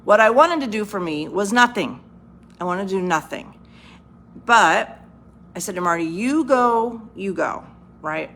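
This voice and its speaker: Woman vlogger, casual motivational chat, gravelly edge, rambling and conversational. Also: medium pitch, expressive, moderate pace, pauses often, a bit bright. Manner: chatty, rambling, asks "right?" often. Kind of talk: casual motivational talk to camera. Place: home, on the couch.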